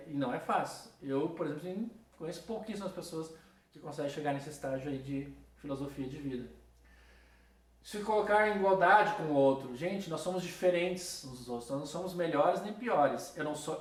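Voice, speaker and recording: Recorded from afar in a roomy space, this class lecture features a man teaching philosophy informally and addressing his students directly. His voice leans high with a darkish tone.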